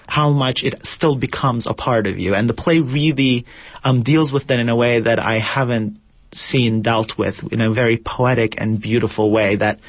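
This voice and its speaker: A man's voice: mid-range voice, steady tone, normal speed, no room sound. A man from Turkey, a theater director, answering interview questions in a thoughtful, reflective way with many fillers. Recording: dull lo-fi radio broadcast.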